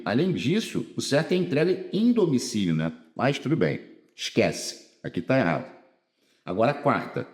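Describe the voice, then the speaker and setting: This is a Brazilian man with a low voice and a lively, swinging intonation, explaining exam grammar like a casual tutor. He drops into slow, deliberate reading for each quoted item. Then he picks back up with slangy, conversational explanations. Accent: Brazilian Portuguese. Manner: colloquial, reads quiz items aloud slowly. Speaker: exam prep teacher.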